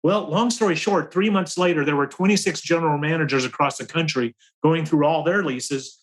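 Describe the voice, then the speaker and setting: Animated storytelling man, higher voice. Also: brisk, low-quality recording. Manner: animated storyteller, lively pitch swings. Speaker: podcast guest, career advisor. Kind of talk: storytelling in interview.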